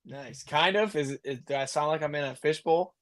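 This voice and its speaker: A man's voice: fairly high pitch, normal speed. Easygoing male guest phoning in; earbud audio sounds boxy and hollow, like inside a fishbowl. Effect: muffled, hollow earbud call audio. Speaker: podcast guest, race winner. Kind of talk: casual chat. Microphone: wireless earbuds over a call.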